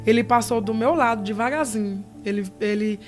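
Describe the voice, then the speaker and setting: A woman's voice: fairly high pitch, brisk, soft background music. Earnest woman telling a dramatic testimony. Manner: earnest, vivid storytelling. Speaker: interview guest. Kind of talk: emotional testimony.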